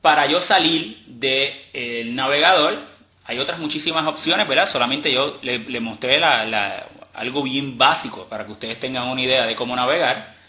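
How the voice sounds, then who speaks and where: A man teaching a step-by-step tutorial in a relaxed, explanatory way, with fillers and restarts. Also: mid-range voice, moderate pace. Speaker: instructor demonstrating a screen reader. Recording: roomy echo.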